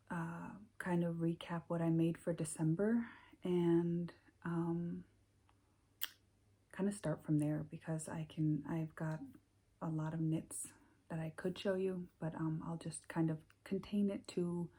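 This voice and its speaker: A soft-spoken Icelandic woman with American English speech hosts a knitting podcast, chatting casually to camera. Her fairly low, husky voice is hesitant, with many ums and restarts.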